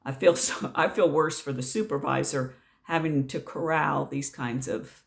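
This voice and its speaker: A woman's voice: low-pitched, steady tone, moderate pace, creaky. A middle-aged woman vlogger telling a story in a casual rant, exasperated and sarcastic.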